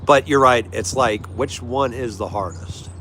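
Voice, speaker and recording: A man from the United States hosts a livestream, chatting with viewers casually, agreeably and in a friendly way, his accent American. His medium-pitched voice is unhurried, pushed and bright. The recording is clear, with vehicle-like noise in the background.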